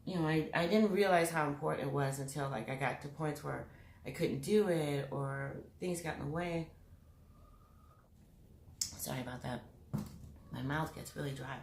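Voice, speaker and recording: A woman's voice: low-pitched, moderate pace, long pauses, a little mellow. A woman hosting her own vlog, chatting to camera in a giggly, rambling way that drifts into tangents. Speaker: vlogger and channel host. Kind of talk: casual chat to camera. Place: room with mirrors. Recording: echoey room.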